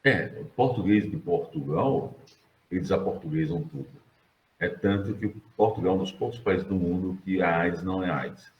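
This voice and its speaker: Deep-voiced Brazilian man lecturing a class. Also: normal speed. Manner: digressive, conversational, questions the students. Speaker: teacher. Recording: roomy, dull classroom sound.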